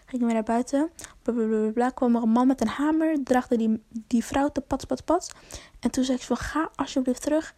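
A woman's voice: a little high, fairly even intonation, moderate pace, warm tone, dry recording. A young woman telling a rambling, slangy story to camera, full of fillers and swearing. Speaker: vlogger.

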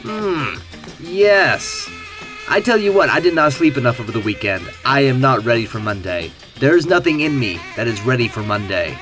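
A young man from Texas hosting a podcast in a casual, animated, self-deprecating way, laughing often. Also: mid-range voice, normal speed, music in the background. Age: young adult. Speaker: podcast host.

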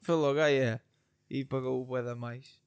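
A man's voice: mid-range voice, flat delivery, normal speed, a little mellow, clear, resonant tone. A young man with a European Portuguese accent, hosting a podcast and introducing topics in informal, teasing chat. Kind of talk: casual chat.

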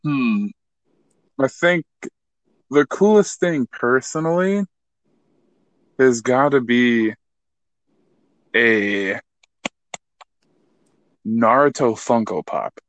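A man's voice: mid-range voice, drawn-out words, long pauses, no echo. Laid-back young man joking around. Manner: laid-back, jokey, swears freely. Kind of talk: casual chat.

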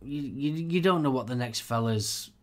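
A chatty man co-hosting a relaxed podcast. He talks at a middling pitch, handing out practical advice in a loose, friendly way. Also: moderate pace. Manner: chatty, laughs often, gives practical tips. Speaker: co-host. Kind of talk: casual podcast chat.

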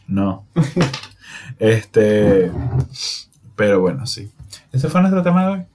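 Teasing Venezuelan man with a lively voice. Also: on the low side, a little hiss or hum. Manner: teasing, quick to laugh. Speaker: podcast co-host. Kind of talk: casual chat.

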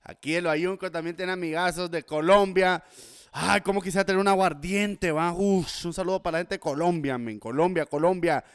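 A man's voice: sits high, moderate pace, smooth, dry recording, clean studio sound. A man with a Salvadoran Spanish accent chatting casually and festively as a music show host, slangy and sweary, urging listeners on with tag questions.

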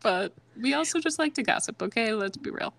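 A woman's voice: on the high side, animated, a little fast, creaky, a bit bright, no echo. A young woman co-hosting a casual podcast chat, giggly and self-conscious, reading aloud with feeling. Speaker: podcast co-host.

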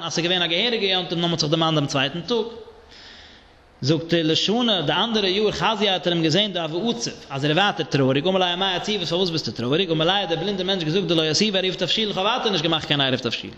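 A man's voice: a little high, pushed and bright. A man, a rabbi teaching a Talmud class in a singsong study chant, on a dull, echoey recording. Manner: singsong study chant, mixing Hebrew and Aramaic terms. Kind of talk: Yiddish Talmud lecture.

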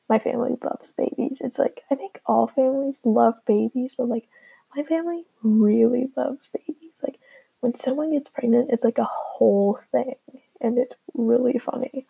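Creaky teenage girl on a low-quality earbud mic. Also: warm tone. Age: teenager, fifteen. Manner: informal, hesitant, heavy filler "like". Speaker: beginner podcast host. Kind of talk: casual rambling solo podcast chat. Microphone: earbud microphone.

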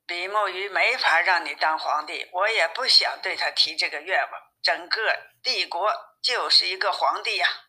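A humble, worried fisherman who speaks meekly and pleads with his demanding wife, played by a woman reading a fairy tale. The voice stays fairly low and has a bright edge. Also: normal speed, breathy edge, exaggerated voice. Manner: meek, pleading. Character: timid, fearful old fisherman husband.

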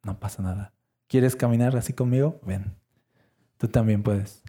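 A preacher voicing a calm, reassuring Jesus, speaking softly and unhurriedly. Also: male voice, on the high side, unhurried, lightly acted. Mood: gentle. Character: calm reassuring Jesus, adult man, gentle.

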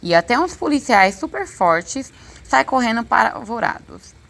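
A woman reading a children's book aloud as an audiobook narrator, expressive and lively. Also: on the high side, a little slow, gravelly. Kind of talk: storybook reading.

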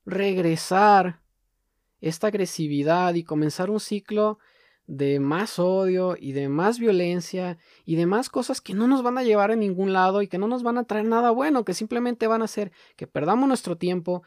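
A man talks through his thoughts in a calm, reflective monologue, putting question after question to the listener. His voice has a warm, mellow tone. The recording is dry and close, and he stretches certain words slowly to make a point. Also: high voice, no room sound. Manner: thoughtful, poses many rhetorical questions; slows down to stress key words.

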